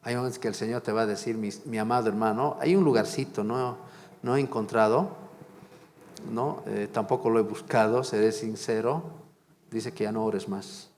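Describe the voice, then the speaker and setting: A man's voice: fairly low pitch, steady tone, moderate pace, a little mellow, long reverb tail, slight background noise. A man preaching a sermon as pastor, fervent and repetitive, asking the congregation question after question. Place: church.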